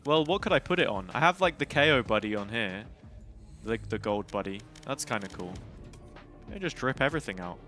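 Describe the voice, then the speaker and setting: A man's voice: medium pitch, fairly bright tone. A man with a British accent hosting a casual watch party stream, chatty and easily sidetracked. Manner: chatty, easily sidetracked, talks over the broadcast. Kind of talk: casual live stream commentary.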